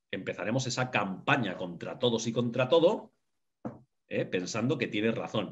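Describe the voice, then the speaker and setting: Man, lecturing a group, emphatic, repeats himself, keeps checking in, muffled lo-fi audio. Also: medium pitch. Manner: emphatic, repeats key phrases, checks in with "¿vale?". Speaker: lecturer on the unconscious. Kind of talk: teaching talk to a group. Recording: dull lo-fi recording.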